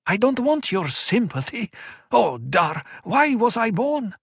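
This is a distraught young woman in an audiobook, as a male narrator puts her on. The voice sits high, cries out and pleads. A gravelly, husky texture shows through, in a dry, close sound. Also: big pitch swings, slow pace, fairly bright tone, no room sound, exaggerated voice. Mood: anguished. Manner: pleading, emotional, raised pitch. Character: anguished young woman, former warrior sister.

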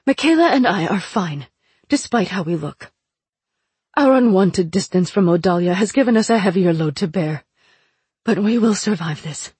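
A woman's voice: mid-range voice, lively intonation, moderate pace, a little mellow, slightly rough, no room sound. A woman voicing a tired, stern older female mentor who is ill. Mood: weary stern.

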